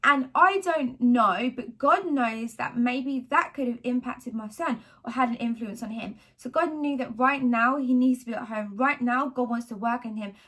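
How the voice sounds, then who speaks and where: A woman, talking casually to camera about her faith in a rambling, animated way. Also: fairly high pitch, normal speed, few pauses. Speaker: vlogger sharing faith testimony.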